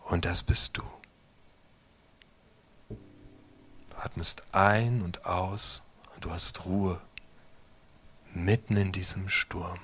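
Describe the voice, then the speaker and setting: A pastor gently guiding listeners through a meditation in a theater, speaking softly and sometimes in a whisper. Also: male voice, deep voice, fairly even intonation, husky. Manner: slow, soft, at times whispered guidance. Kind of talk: guided meditation within a sermon. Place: theater stage. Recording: guitar music playing underneath. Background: soft guitar music.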